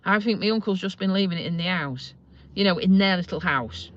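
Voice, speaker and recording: Brisk and on the low side, this woman's voice comes through a muffled recording. She's a Lincolnshire vlogger with a slight Yorkshire accent, rambling casually to her live-stream audience from a parked car and making fun of herself along the way.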